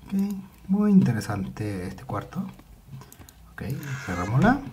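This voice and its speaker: A young man with a Mexican Spanish accent talks his way through a horror game, jumpy and muttering, repeating words under his breath when spooked. His delivery is slow and his voice mellow and dark. Faint noise sits under the recording. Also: on the low side, sing-song. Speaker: gaming YouTuber. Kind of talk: horror game let's play commentary.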